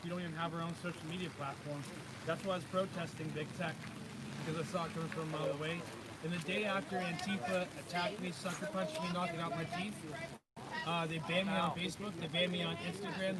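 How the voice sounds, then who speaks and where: A man missing his two front teeth speaking out at a protest, confrontational and repetitive, in an impassioned street-speech style. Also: fairly high pitch. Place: outdoors at a state capitol protest. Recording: very noisy outdoor street recording.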